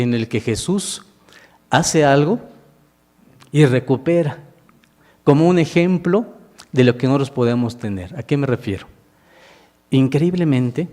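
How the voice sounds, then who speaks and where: Man, sermon, questions to the congregation, middle pitch, long reverb of a church hall. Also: mellow. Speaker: minister.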